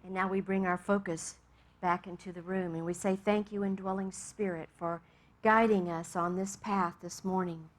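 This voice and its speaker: After leading a meditation, a female minister from Texas gives a gentle sermon full of stories and amused side comments. Her voice is on the low side, steady in tone and at normal speed.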